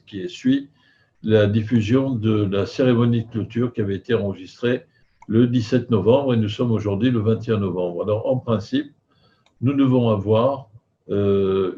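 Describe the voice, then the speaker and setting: A man's voice: fairly low pitch, warm tone. An older man hosting a live film event, courteous and very hesitant, with slightly slurred speech from loose dentures. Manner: halting, hesitant, courteous, with frequent long filler pauses. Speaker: host of a film festival video conference. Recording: dull video call audio, faint noise.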